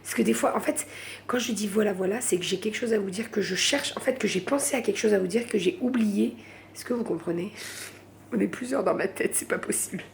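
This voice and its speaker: Woman rambling in a late night home vlog, very gravelly fry, bit of faint noise behind. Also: medium pitch, a little fast. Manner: chatty, rambling, says voilà a lot. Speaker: vlogger.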